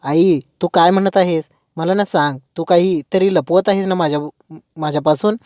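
A woman's voice: on the low side, moderate pace, mellow, no room sound, studio quality, natural voice. A woman voicing an earnest young woman who reassures her mother. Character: worried young woman, protective younger sister.

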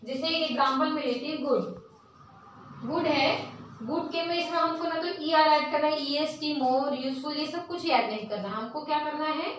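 A woman teaching English grammar in an online lesson, switching between Hindi and English, reading rules out slowly and asking and answering her own questions. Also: high-pitched, very echoey, recorded from a distance, a little hiss or hum, rough recording.

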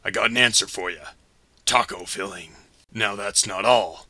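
A man's voice: fairly low pitch, normal speed, pushed and bright, no echo. A man voicing a flippant, self-aware villain in a comedic anime parody, chatty and theatrical in a casual mock-menacing way. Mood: flippant, stalling.

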